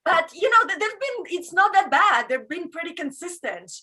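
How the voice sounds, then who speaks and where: A woman doing stand-up, speaking English as a non-native, with a deadpan delivery full of fillers and restarts. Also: very high-pitched, moderate pace, low-quality recording. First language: not English. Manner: deadpan, self-interrupting with fillers. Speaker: stand-up comedian. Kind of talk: stand-up set.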